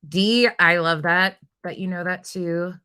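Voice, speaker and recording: A woman with a lowish, clear, resonant voice speaks unhurriedly with fairly even intonation and a pushed, bright quality. She hosts a livestream, chatting casually and hopping informally between answers to viewer comments.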